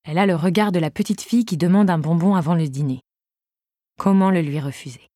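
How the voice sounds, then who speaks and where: Woman narrator, low voice, wry storytelling, audiobook, dry studio sound. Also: fairly quick, warm tone, no room sound. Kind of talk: audiobook reading.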